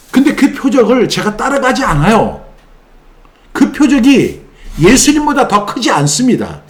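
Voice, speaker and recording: Male pastor, middle-aged, animated sermon delivery, slightly high voice with wide swings. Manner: animated preaching, acts out quoted voices.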